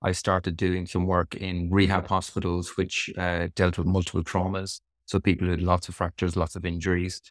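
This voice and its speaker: A man's voice: low voice, monotone, normal speed, hardly any pauses, no echo, clean studio sound. A middle-aged man with a west of Ireland accent, explaining things reflectively as a guest in a conversational interview. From Sligo, west of Ireland.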